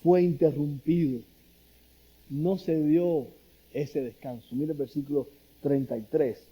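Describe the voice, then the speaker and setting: A Cuban pastor in middle age preaches unhurriedly in a fairly high, breathy voice. His animated storytelling includes quoted lines that he acts out loudly.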